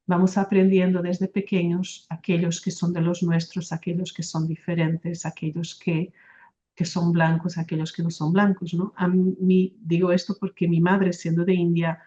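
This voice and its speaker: A woman with a Portuguese accent answers interview questions in a calm, reflective way, checking in with a soft "no?" as she talks. Her voice sits low and mellow, with a flat, even melody. The recording sounds a little dull and lo-fi. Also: normal speed. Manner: thoughtful, often adds "¿no?" tag questions. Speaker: religious sister.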